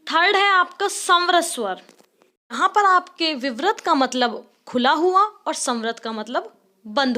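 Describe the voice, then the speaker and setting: A woman's voice: high-pitched, bright, forceful tone. A woman teacher giving an online exam-prep lesson, explaining step by step and asking students to try each sound aloud.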